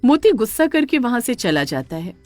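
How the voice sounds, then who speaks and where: A woman narrates a children's cartoon story with a lively, varied pitch. Her delivery is expressive and scripted, and the recording is close and dry. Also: normal speed, dry recording, soft background music.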